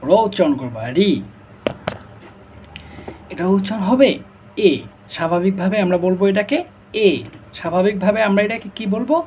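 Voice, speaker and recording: A man teaching a pronunciation lesson, saying each sound slowly and repeating it several times and asking the class simple questions. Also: sits high, darkish tone, a little hiss or hum. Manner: explains patiently with questions to the class.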